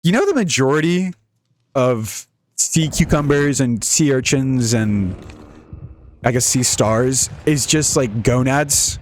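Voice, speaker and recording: Lively, rambling young man. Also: mid-range voice, slow pace, a little hiss or hum. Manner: rambling, jokey, laughs often. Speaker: gaming YouTuber. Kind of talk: casual gameplay commentary.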